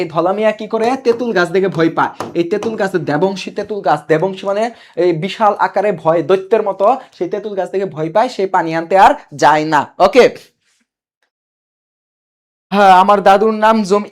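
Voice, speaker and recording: A man's voice: sits high, a little fast. A young man teaching a live online coaching class, quizzing viewers, repeating key answers and reading their comments aloud. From Bangladesh.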